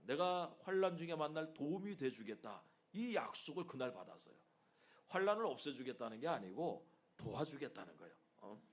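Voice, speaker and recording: A man's voice: medium pitch, a little fast. Korean church pastor preaching, middle-aged guy, voice swings up and down a lot, keeps asking the congregation little questions. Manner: animated preaching, frequent rhetorical "eh?" asides. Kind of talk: sermon. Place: church sanctuary.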